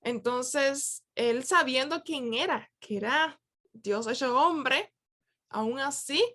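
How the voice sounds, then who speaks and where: A woman leading a youth Bible class on a video call, talking in a relaxed way with many pauses and restarts. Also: high voice. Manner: conversational, with many fillers and restarts. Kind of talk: casual reflective teaching.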